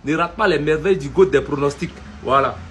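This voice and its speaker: A man's voice: on the high side, brisk, a bit bright, a little hiss or hum. A man ranting to camera as a football fan, brash and taunting, rallying fellow supporters. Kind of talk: casual fan rant to camera.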